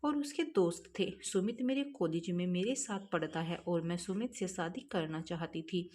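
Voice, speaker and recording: A frightened young woman speaking softly and hesitantly through tears, as a woman storyteller voices her. She sounds ashamed and fearful. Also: lowish voice, normal speed, lightly acted. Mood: tearful. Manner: soft, hesitant, tearful.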